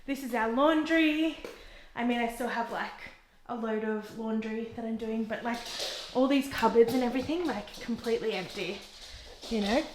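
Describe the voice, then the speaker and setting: Young woman vlogger, casual and chatty, slightly high voice, strong echo from empty rooms. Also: moderate pace. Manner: chatty, full of "like" fillers. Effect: echo of empty, bare rooms. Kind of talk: casual house tour chat. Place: empty house, indoors. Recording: echoey bare room, faint noise.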